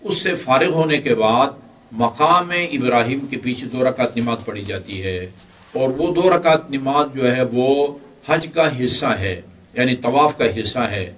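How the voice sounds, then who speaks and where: Middle-aged male religious teacher, halting lecture delivery, mid pitch, recorded slightly off-mic. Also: expressive, a bit bright, far from the mic. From Pakistan. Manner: hesitant, many filler sounds; explains step by step. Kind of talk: Hajj training class lecture.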